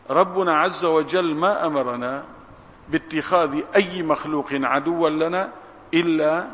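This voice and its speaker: Measured man preaching in echoing hall. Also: fairly high pitch, fairly bright tone. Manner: measured, emphatic, slows on scripture quotes. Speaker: Islamic preacher. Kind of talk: religious lesson. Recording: dull recording with long hall reverb.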